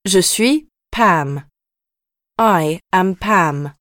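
A woman reading model sentences for a language drill, each one slowly and clearly spaced. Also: fairly low pitch, expressive, a bit bright, dry recording, studio quality. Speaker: reader of example sentences.

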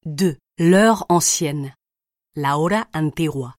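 A woman's voice: low voice, slow pace, a little mellow, no echo, studio quality. A woman reading example phrases on a recorded language lesson, carefully enunciating each one. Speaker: example reader.

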